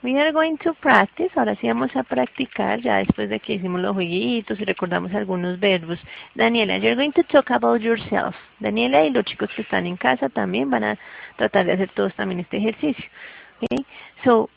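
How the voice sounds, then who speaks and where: Gravelly-voiced woman teaching a class. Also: mid-range voice, fairly quick, highs cut off, a little hiss or hum. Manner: patient, keeps checking understanding. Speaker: English teacher.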